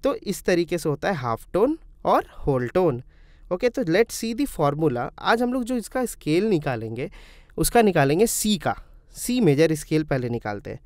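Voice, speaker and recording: Smooth-voiced man teaching music theory. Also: on the high side, sing-song, a little slow, no room sound, studio quality. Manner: explains step by step, asks and answers his own questions; calls viewers "brother" in friendly chat. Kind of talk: casual screen-recorded tutorial.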